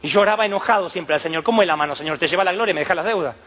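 A man preaching a sermon, telling the story with animated acted-out voices and shouts. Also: high voice, rapid-fire, muffled recording.

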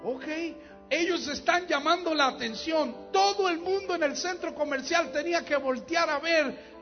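A middle-aged man, preaching a sermon that swells into shouted calls to the congregation. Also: very high-pitched, normal speed. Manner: rising to shouted fervor, repetitive calls to the congregation. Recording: dull, reverberant hall with music behind.

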